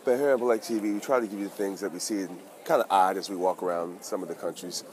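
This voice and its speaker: A man hosting a casual street vlog outdoors, talking excitedly and in slang straight to his viewers. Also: low-pitched, fast. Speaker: vlog host. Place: outdoors on busy town streets. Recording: busy street crowd and noise.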